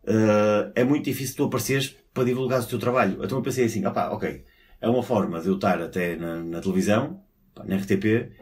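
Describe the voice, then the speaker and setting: A man's voice: on the low side, quick pace, darkish tone. A man from Porto, a stand-up comedian, talking casually, rambling with fillers, restarts and swearing. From Porto, Portugal. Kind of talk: casual podcast conversation.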